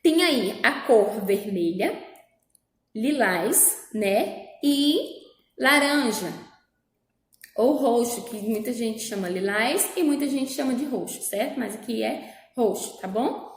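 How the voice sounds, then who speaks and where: High-voiced Brazilian teacher in echoey room. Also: female voice, expressive, takes it slowly. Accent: Brazilian Portuguese. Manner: patient, repeats and checks with "certo?", uses diminutives. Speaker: primary school teacher. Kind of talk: explaining a worksheet to young children. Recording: echoey room with long reverb.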